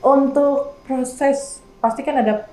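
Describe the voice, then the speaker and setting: A woman's voice: sits high, fairly even intonation, slow pace, warm tone. Upbeat woman podcast host, roomy sound. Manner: upbeat, chatty, frequent agreeing murmurs. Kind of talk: casual interview chat.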